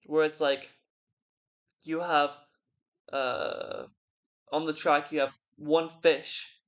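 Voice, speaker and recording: Drunk speaker, casual monologue, slow pace, halting, rambling, middling pitch.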